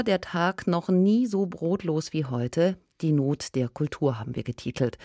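A man hosting a radio culture program, reading scripted presentation text in a measured, clear manner. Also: a little high, a little mellow, dry recording, clean studio sound. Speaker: radio culture show host.

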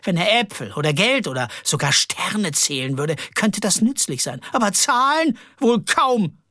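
A man's voice: high-pitched, big pitch swings, moderate pace, sharp tone, no echo, studio quality, voice pushed up, heavily acted. A man voicing a spiteful, bossy headmistress in an audiobook, shrieking and indignant. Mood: scornful. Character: shrill spiteful headmistress, older woman. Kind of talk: audiobook character voice.

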